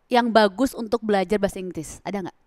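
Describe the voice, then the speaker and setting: A woman hosting a casual podcast interview, talking in an animated, exclamatory way. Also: medium pitch, fast talker, no room sound, studio quality. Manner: animated, exclamatory, acts out quotes. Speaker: podcast host. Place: podcast studio.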